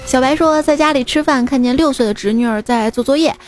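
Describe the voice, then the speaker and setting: A woman's voice: sits high, fast. A woman hosting a funny-stories show, reading listener jokes in a chatty way and chuckling between them. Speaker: host of a funny-stories program. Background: faint background music.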